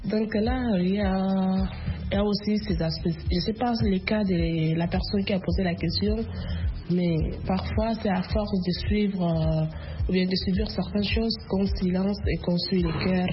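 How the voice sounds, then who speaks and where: A woman in her twenties calling in to a radio show, speaking slowly and reflectively with many hesitations. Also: medium pitch, steady tone, lo-fi sound, noisy background. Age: 20s. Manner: slow, reflective, frequent hesitations. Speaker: radio caller. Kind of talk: casual call-in opinion.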